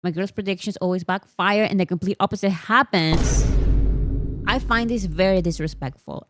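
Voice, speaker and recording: A woman with Spanish as her first language chats casually to camera as a K-pop fan vlogger, often laughing and acting mock-serious. Her voice is lowish, and there's background noise.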